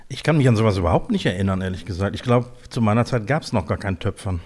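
A man's voice: on the low side, animated, quick pace, a little mellow. A man co-hosting a casual podcast chat with dry, self-mocking humor. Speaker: podcast co-host.

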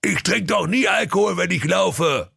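A man voicing a bumbling, hungry male ogre in a storybook tale, pitched high and shouting in a whiny, frantic way. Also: expressive, moderate pace, creaky, breathy edge, no echo, clean studio sound, heavily acted. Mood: sheepish.

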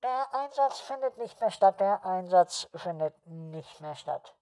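A woman voicing a calm police radio dispatcher in a bedtime story, heard over a walkie-talkie, giving clipped official calls. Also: on the low side, measured pace, dry recording. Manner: clipped official announcements, repeated twice.

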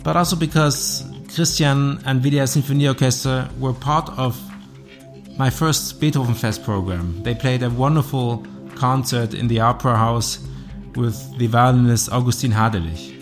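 A man's voice: medium pitch, normal speed. Guy hosting a podcast, reading his intro, faint music behind. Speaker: podcast host. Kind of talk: scripted introduction.

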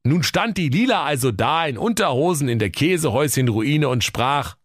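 A man narrating a comic storybook reading in an animated, playful way. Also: a little high, normal speed, dry recording, clean studio sound.

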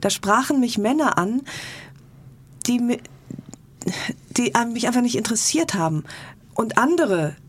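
A middle-aged woman, a talk show guest, telling lively anecdotes with self-mocking humor. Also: on the high side, a little slow, long pauses, slight background noise.

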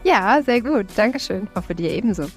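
A woman in her thirties from Berlin, talking casually as a podcast guest, thoughtful and full of filler sounds and pauses. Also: medium pitch, expressive, soft background music. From Berlin, Germany. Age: 30s. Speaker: podcast guest, real estate investor. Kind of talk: casual interview talk.

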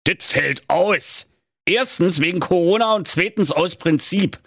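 A man's voice: sits high, a little slow, a bit bright, no room sound, clean studio sound, voice pushed up, full character voice. A man voicing a cantankerous stingy old male miser with a Berlin accent, grumbling and scolding.

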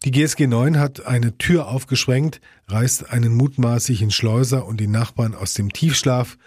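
A man's voice: mid-range voice, moderate pace, darkish tone, husky, no echo, clean studio sound. A man narrating a dramatic news report in a tense, scripted read.

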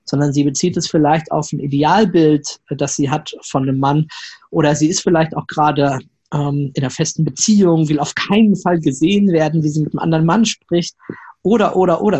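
A man being interviewed as a flirting coach, telling lively stories, acting out inner voices and often ending lines with a questioning "ne?". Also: on the high side, husky. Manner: lively storyteller, acts out inner voices, frequent "ne?". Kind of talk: conversational interview.

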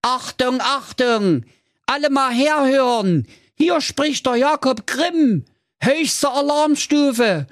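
A shrill, panicky voice rings out through a loudspeaker, shouting an alarm to everyone in earshot. It leaps far above the storyteller's own low voice and swings wildly, sounding dry and close up with a slightly far-off timbre. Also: male voice, animated, takes it slowly, no room sound, full character voice. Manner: shrill urgent alarm call. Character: frantic fairy-tale brother shouting alarm over loudspeaker.

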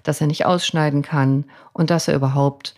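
Middle-aged mom podcaster, lowish gravelly voice, thoughtful chatty storytelling. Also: female voice, steady tone, normal speed, darkish tone. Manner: reflective, conversational, with frequent restarts. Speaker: podcast host; doctor and mother. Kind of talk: personal storytelling monologue.

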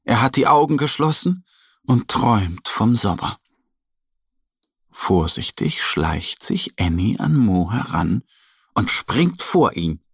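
Slow, gravelly storytelling man. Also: lowish voice, no echo, studio quality. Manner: slow, gentle, expressive. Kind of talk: children's story narration.

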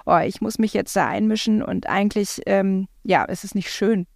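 A mid-pitched woman talks as a parent in a casual, reflective way, often pausing on fillers. Her voice sounds dry and close, with no room around her. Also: gravelly, no room sound. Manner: chatty, reflective, with frequent fillers. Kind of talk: casual conversation.

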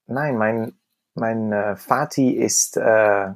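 A man from the Netherlands with a Dutch accent, a native Dutch speaker, talking casually as an interview guest and often searching for words. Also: on the low side. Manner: halting, searching for words in German. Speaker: cabaret performer, interview guest.

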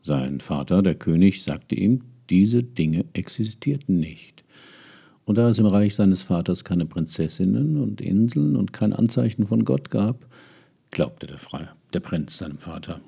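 Deep gravelly older storyteller man. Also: animated, a little slow, dark tone. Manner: musing, addresses listeners directly. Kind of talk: reflective spoken essay and story reading.

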